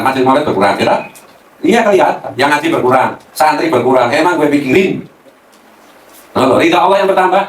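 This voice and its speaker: Animated cleric speaking from afar. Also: male voice, fairly high pitch. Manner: animated, mixes Javanese slang, laughs often. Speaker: Islamic cleric. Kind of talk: casual religious talk. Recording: roomy, from a distance, faint noise.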